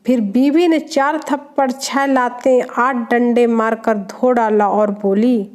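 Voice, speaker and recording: A woman reading out a string of short jokes, narrating evenly and dropping her voice lower for the male characters. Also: fairly even intonation, slow, darkish tone. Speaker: joke reader. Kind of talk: reading Hindi jokes aloud.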